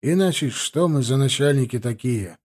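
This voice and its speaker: A grave, stern middle-aged factory boss with a mellow, low-key voice, as a man reads his lines. He speaks in measured, serious tones in an audiobook. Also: animated, breathy edge.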